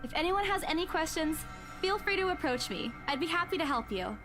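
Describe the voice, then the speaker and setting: A woman doing a high, flustered young tour guide. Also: expressive, fairly quick, bright, forceful tone, soft background music, heavily acted. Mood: polite. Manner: polite, flustered, stammering.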